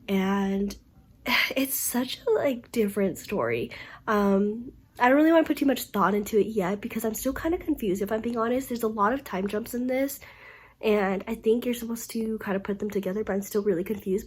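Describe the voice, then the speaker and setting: A woman's voice: mid-range voice, husky. Sick, nasal young woman rambling casually. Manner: rambling, filler-heavy talk with many "like"s. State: sick with a stuffy nose. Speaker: book vlogger. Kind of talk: casual vlog chat. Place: at home.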